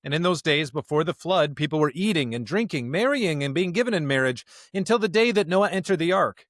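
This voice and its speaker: A man co-hosts a podcast, reading scripture aloud and musing over it in a conversational Bible commentary. His voice sits on the high side, brisk and expressive with a fairly bright tone. The recording is studio quality and dry, with no room sound.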